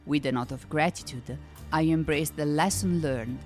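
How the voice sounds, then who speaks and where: A woman narrating a first-person storybook tale with an expressive, unhurried reading. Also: low-pitched, faint music behind.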